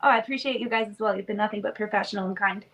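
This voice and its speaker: Sniffling with a cold, this twenty-something interview guest, Romanian-born and Canadian-raised, chats casually on a podcast and leans heavily on "like." She talks very fast in a mid-range, fairly bright voice.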